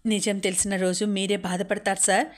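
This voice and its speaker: A worried, short-tempered husband who has lost his job, as a woman narrator puts him on. He talks in a hurt, reproachful way with a flat, level pitch and a middle-range voice, in an audiobook story. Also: fairly quick, lightly acted. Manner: agitated, reproachful.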